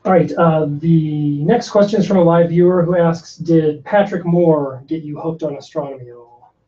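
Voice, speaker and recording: A man reads out viewers' questions plainly, in a fairly high, mellow voice. He sits back from the mic, so he sounds distant and a little muffled. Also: normal speed. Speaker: Q&A moderator.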